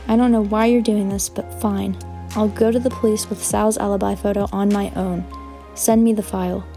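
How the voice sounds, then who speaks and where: A woman voicing a desperate, earnest young man in an audiobook, pleading with a low-key read. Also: flat delivery, normal speed, dark tone, soft background music, natural voice. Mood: cold. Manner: pleading, voice rising. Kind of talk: audiobook narration.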